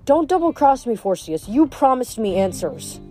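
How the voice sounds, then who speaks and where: A woman's voice: fairly high pitch, very animated, moderate pace, soft background music, pitched above the performer's own voice. A woman doing a sarcastic teenage boy. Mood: defiant. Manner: sharp, sarcastic.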